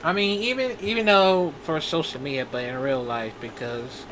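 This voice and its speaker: A man in his twenties talking in a personal video diary, halting and rambling with many restarts. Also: fairly high pitch, a bit bright, a little hiss or hum, low-quality recording. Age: 20s. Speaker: vlogger.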